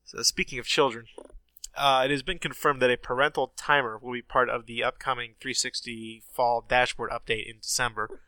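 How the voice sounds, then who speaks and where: The recording is low quality with no room sound, capturing a mid-range male voice, pushed and bright, at normal speed with fairly even intonation. He's co-hosting a gaming podcast, casually chatting through news items with many ums and uhs, his voice stuffy from a sinus infection.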